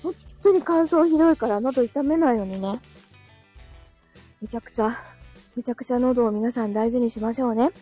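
A woman's voice: a little high, normal speed, long pauses, dark tone, soft background music. Chatty woman live-streaming, laughing often. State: dry throat. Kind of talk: casual live chat reading comments.

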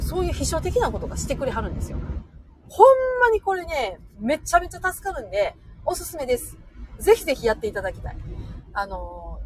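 A middle-aged woman from Osaka and Nara with a Kansai accent, talking off the cuff on a livestream in a rapid, chatty way. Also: high-pitched, slight background noise. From Osaka-born, raised in Nara. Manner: rapid chatty machine-gun talk. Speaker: livestream host. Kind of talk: unscripted livestream talk reading comments.

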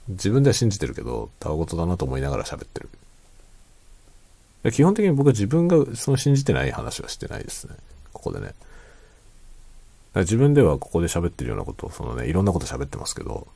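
A man chatting casually in a quiet late-night monologue, musing and circling back over his own phrases. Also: creaky, breathy edge, dry recording. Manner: quiet, low-voiced night-time talking. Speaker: host of a solo talk show.

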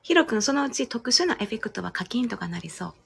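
Brief: woman, Kansai accent, casual home-livestream host, chatty, slightly high voice. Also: big pitch swings, fast, vocal fry, slight background noise. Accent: Kansai Japanese. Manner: chatty, laughs often, reads comments aloud. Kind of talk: casual live chat. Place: home, over dinner.

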